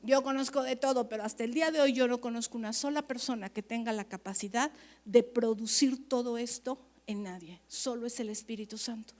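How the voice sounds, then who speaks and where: A woman pastor, preaching at a leaders' conference in an animated, chatty way, often checking that the audience agrees. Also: a little high, brisk.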